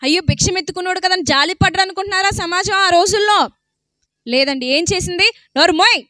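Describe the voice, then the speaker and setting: Woman preacher, very high bright voice, questioning storytelling sermon, dry close sound. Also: fast talker, dry recording.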